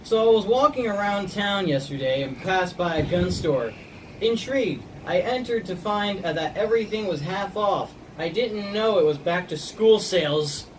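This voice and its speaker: A woman's voice: animated, moderate pace. A woman casually reading jokes as host of a laughing challenge, blunt and sweary. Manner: profane, blunt. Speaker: joke reader hosting a laughing challenge. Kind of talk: casual joke telling. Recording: noisy, distant microphone, rumbling background.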